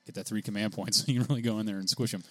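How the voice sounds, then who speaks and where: A man's voice: fairly low pitch, fairly even intonation, rapid-fire, no room sound, faint music behind. A man co-hosting a casual gaming podcast, chatty and laughing often as he reads rules aloud. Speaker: podcast co-host.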